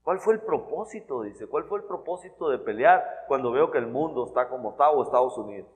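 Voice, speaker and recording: A man gives a sermon in plain, earnest, conversational Spanish-language preaching style, stumbling over restarts and checking in with his listeners. His voice sits at an ordinary middle pitch. The sound carries a long reverb from the church hall. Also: expressive, fairly quick.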